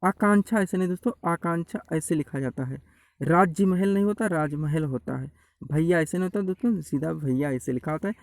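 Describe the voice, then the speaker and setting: A man's voice: a little high, fairly quick, gravelly, dry recording, rough recording. Man lecturing on Hindi spelling. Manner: repeats corrections, addresses viewers as friends. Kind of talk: online exam-prep lecture.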